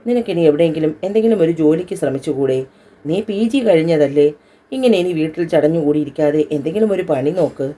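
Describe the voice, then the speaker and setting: Storybook figure: a nagging, teasing young woman, read by a woman narrator, low mellow voice. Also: animated, fast. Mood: lecturing. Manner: lecturing, teasing. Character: young woman, bossy elder-sister type adviser.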